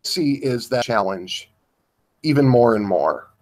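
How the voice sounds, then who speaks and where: Slow, halting man in a discussion. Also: mid-range voice, lively intonation. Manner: slow and halting, pausing to search for words. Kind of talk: livestream discussion.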